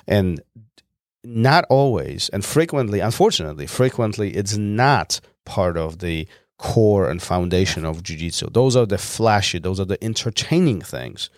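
A man's voice: deep voice, expressive, moderate pace, dry recording, clean studio sound. A man co-hosting a podcast, talking in an earnest, rambling way with frequent restarts and fillers. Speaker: podcast co-host. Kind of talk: casual podcast chat.

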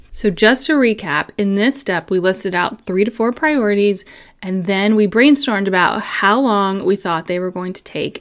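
A woman in her thirties hosting an instructional solo podcast, talking through advice in an upbeat, orderly, step-by-step way. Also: mid-range voice. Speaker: podcast host giving planning advice.

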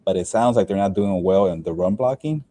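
A man's voice: sits low, brisk. A young man, a sports beat reporter, chatting casually on a post-game podcast from inside a stadium, rambling with lots of fillers. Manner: relaxed and rambling, with many fillers and restarts. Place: inside a stadium, speaking quietly with people working around him.

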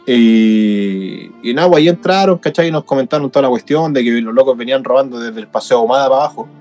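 A man's voice: mid-range voice, quick pace, soft background music. A young Chilean man with a Chilean accent, telling a story in casual chat, laughing often. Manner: laughing, animated anecdote with acted-out quotes.

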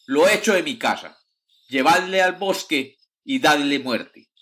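A man's voice: fairly high pitch, lively intonation, measured pace, fairly bright tone. A man reading a storybook tale, voicing an old count who scolds his foolish son. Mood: angry. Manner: exasperated, scolding. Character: old count, stern and quick-tempered father.

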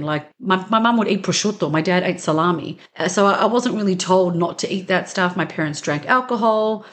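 A woman in her thirties with an Australian accent, hosting a podcast in a candid, chatty way with quick asides. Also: mid-range voice. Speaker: podcast host. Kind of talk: casual conversational podcast.

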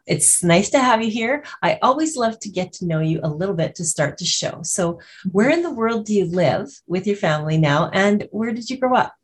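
A woman's voice: mid-range voice, expressive, normal speed, breathy edge. A woman hosting a podcast and interviewing a guest in an upbeat, enthusiastic way. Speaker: podcast host.

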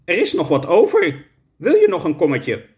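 A man's voice: high-pitched, wildly swooping pitch, moderate pace, a little mellow, pitched above the performer's own voice. A man voicing a friendly, naive, hospitable character in a children's story. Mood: kindly.

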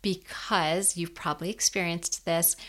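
A woman in her fifties hosting a podcast and guiding a sleep meditation in a slow, soothing, gentle way. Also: fairly low pitch, fairly even intonation. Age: 50s.

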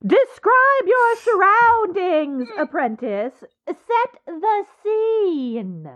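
Muffled, piercingly high sorceress. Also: female voice, sing-song, drawn-out words, full character voice. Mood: commanding, theatrical. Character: imperious sorceress mentor calling in remotely to her apprentice. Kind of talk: scripted audio drama acting. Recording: dull, band-limited remote-sounding voice.

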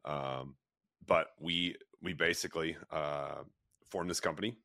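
A man with an extremely low voice tells a long, meandering story as a guest on an interview show. He leans on fillers and restarts, and the recording is dry and close. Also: steady tone, measured pace, vocal fry, sharp tone, dry recording. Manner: rambling, filler-heavy storytelling with many restarts. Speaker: guest, pet treat company founder.

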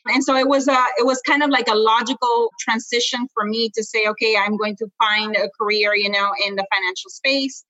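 A woman from Honduras, a guest entrepreneur, talking quickly and casually in an interview with many fillers. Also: a little high, fairly even intonation, bright, forceful tone, lo-fi sound.

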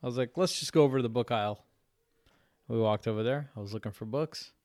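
A man's voice: medium pitch, fast, darkish tone, dry recording. Male podcast co-host, dry close mic, easygoing crude storyteller. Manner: laid-back storytelling, crude humor. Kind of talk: casual chat.

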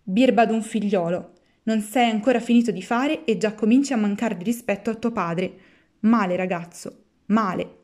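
A woman's voice: medium pitch, animated, normal speed, mellow, close to an everyday voice. A woman voicing an old male woodcarver in a storybook reading, muttering to himself and reproachful. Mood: sorrowful. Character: old male woodcarver, grumbling, soft-hearted.

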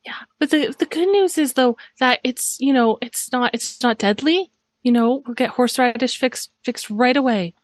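A woman's voice: sits high, moderate pace, no echo. A woman playing a tabletop game, speaking hesitantly and repeating words. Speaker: player.

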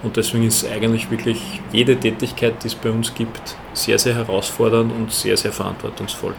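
Gravelly Austrian man explaining, noisy background. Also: on the low side, flat delivery, fairly quick. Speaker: interviewed airport ground handling manager. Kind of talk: explanatory interview answers.

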